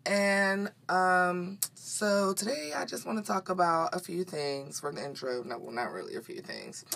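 A woman with a slightly raspy morning voice, chatting casually as a podcast host in a sassy, profane, unfiltered way. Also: lowish voice, lively intonation, a little slow, fairly bright tone. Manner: sassy, profane, unfiltered, says "honey" often. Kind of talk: casual chat, solo podcast. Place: walk-in closet at home.

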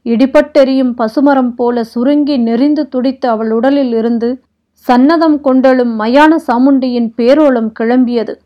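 A woman reads a literary epic aloud, slow and deliberate, lingering on each phrase. Her voice sits fairly high. The recording is dull and lo-fi. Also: steady tone. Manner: slow, deliberate, dramatic reading. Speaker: narrator. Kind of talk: literary audiobook narration.

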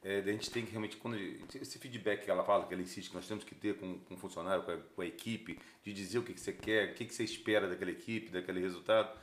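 A man hosting a casual podcast chat, speaking in halting phrases that he often restarts. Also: deep voice, fairly even intonation. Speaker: podcast host, store owner. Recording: roomy, echoey room sound.

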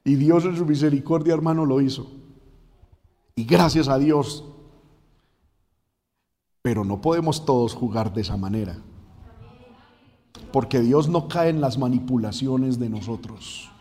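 Impassioned preacher in a reverberant hall. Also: male voice, medium pitch, unhurried, long pauses, warm tone. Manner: impassioned, calls listeners "brother" often. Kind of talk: sermon.

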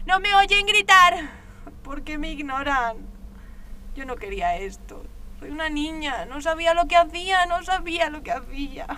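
A woman's voice: high-pitched, bright, forceful tone, full character voice. A woman reading an audiobook, voicing a frightened young girl locked alone in a cell, pleading and repeating herself, short of breath and close to tears. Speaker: audiobook reader.

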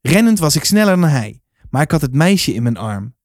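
A man reading a children's novel aloud in a calm, measured storytelling manner. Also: on the high side, no echo, studio quality. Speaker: reader.

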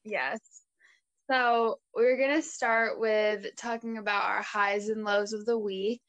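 A woman's voice: mid-range voice, steady tone, takes it slowly, fairly bright tone, no echo. A young woman co-hosting a casual chat, talking easily and laughing often. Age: young adult. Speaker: co-host.

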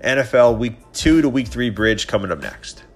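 Soft music plays behind this thirtysomething man as he hosts his solo podcast of opinions and sports talk. His medium-pitched voice is animated at a moderate pace, though congestion makes it nasal and pinched, with a slight scratch in the throat.

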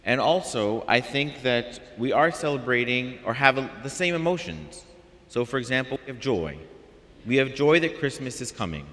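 A man's voice: medium pitch, expressive, moderate pace, fairly bright tone. A man preaching in a reverberant church. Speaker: homilist. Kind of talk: sermon.

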